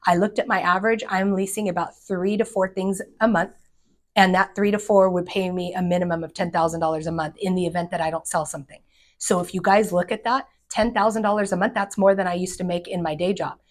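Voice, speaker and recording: Brief: middle-aged woman, lower-pitched voice, energetic, direct advice-giver. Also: fast talker. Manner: energetic, direct, acts out quoted people. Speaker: commercial real estate agent. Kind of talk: advice talk to fellow agents.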